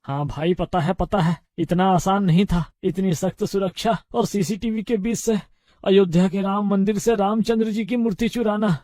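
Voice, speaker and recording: Accomplice thief, played by a man: high-voiced and conspiratorial. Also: steady tone, moderate pace, dark tone, dry recording, studio quality, lightly acted. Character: scheming male accomplice thief.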